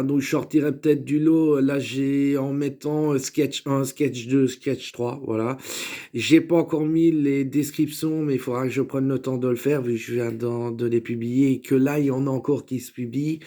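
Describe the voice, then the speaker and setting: Mellow-voiced man rambling casually. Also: mid-range voice. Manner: hesitant, many fillers and restarts; chatty, joking aside. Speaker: vlogger and sketch maker. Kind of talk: casual rambling vlog talk.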